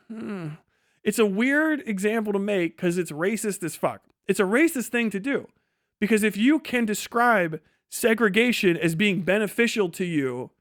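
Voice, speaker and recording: A livestream host with a notably high voice offers casual, off-the-cuff commentary, blunt and sarcastic and swearing freely. The recording is dry and close, with no room sound at all.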